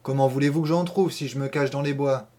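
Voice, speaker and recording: A man's voice: medium pitch, fast talker, close to an everyday voice. A man reading an audiobook, voicing a tired young carpenter on the road who answers curtly and resolutely. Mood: weary, resolute. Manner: flat, resolute, curt replies. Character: weary, defiant young carpenter tramp.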